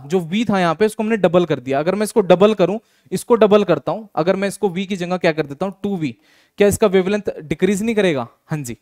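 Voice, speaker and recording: A man's voice: high voice, a little mellow. A young Indian man teaching physics, talking students through exam questions and asking himself rhetorical questions. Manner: reads English question text slowly. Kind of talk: exam solution walkthrough lesson.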